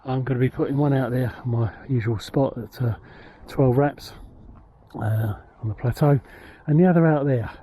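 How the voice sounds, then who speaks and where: A man vlogging outdoors by a lake, a little out of breath, talking in a halting way with many ums and uhs. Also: mid-range voice, warm tone, breathy edge. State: slightly out of breath. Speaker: angler vlogger. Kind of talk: casual outdoor vlog commentary.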